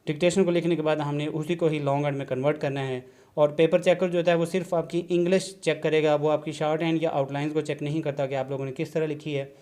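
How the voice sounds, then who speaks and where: A man's voice: on the high side, flat delivery, quick pace, warm tone. Man teaching a shorthand lesson. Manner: explanatory, repeats "theek hai ji", mixes English terms into Urdu. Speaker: shorthand instructor. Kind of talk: classroom-style video lesson.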